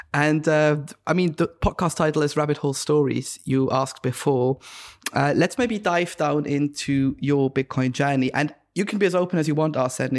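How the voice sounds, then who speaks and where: A man hosting a podcast, informal, steering the talk with short prompts. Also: mid-range voice. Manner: brief encouraging interjections, informal. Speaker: podcast host. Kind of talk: casual interview chat.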